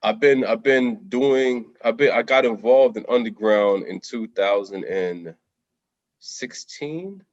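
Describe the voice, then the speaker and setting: A middle-aged Jamaican man, a contractor, candidly tells his life story as an interview guest. He is soft-spoken, with frequent ums and throat clearing, and his medium-pitched voice moves slowly, recorded lo-fi with no room sound.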